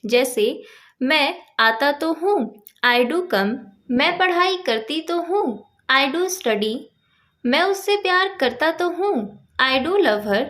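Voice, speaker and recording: A woman teaching English grammar in Hindi, saying each English example slowly and clearly. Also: high-pitched, fairly bright tone. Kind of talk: spoken grammar lesson.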